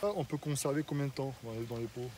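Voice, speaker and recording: A man's voice: mid-range voice, fairly even intonation, fast. A man interviewing a farmer for a fitness channel, chatty and encouraging, thinking aloud as he goes. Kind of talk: casual interview. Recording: noisy ambient background.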